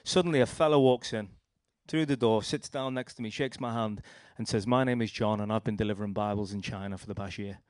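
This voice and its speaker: A young man with a Liverpool accent tells his personal testimony in a rambling, storytelling way. His voice sits fairly low, and the recording is dry and close. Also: brisk, hardly any pauses, no echo. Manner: rambling, storytelling with restarts and acted quotes. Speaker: speaker sharing a testimony.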